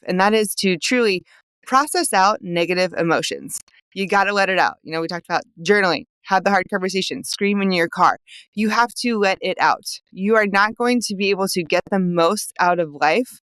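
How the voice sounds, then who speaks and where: Young woman coach doing her solo podcast, smooth clear voice, dry close mic, upbeat and pushy in a nice way. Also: medium pitch, a bit bright, no echo, poor audio. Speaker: podcast host, life coach.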